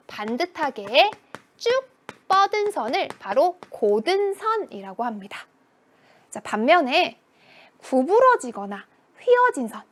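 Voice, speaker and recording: A woman teaching a children's math lesson, asking questions and answering them in a playful voice. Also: high-pitched. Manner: sing-song, questions and answers to herself.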